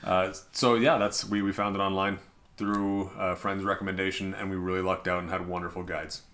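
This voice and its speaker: Canadian guy on a podcast, lowish voice, rambly stories and deadpan jokes. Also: a little fast. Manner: chatty storyteller, dry jokes, trails off. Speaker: podcast guest. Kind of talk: casual chat.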